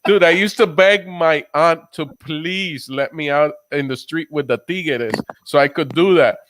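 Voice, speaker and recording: A man's voice: fairly high pitch, measured pace, a bit bright, a little hiss or hum. A man from the Dominican Republic co-hosting a casual comedy chat, laid-back and easygoing. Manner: laid-back, calls others bro. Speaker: co-host.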